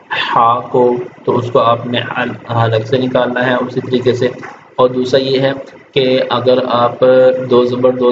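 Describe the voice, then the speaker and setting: Flat-voiced male teacher in an echoey room. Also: medium pitch. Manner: spells out syllables slowly, then explains patiently. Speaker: Quran teacher. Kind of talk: online reading lesson for children. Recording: echoey room, dull lo-fi sound with steady noise.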